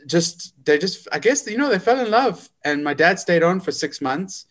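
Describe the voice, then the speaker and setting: A man's voice: high-pitched, animated, moderate pace. Hesitant man, forty. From South Africa. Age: 40s. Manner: hesitant, many fillers and restarts. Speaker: guest. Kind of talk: casual interview.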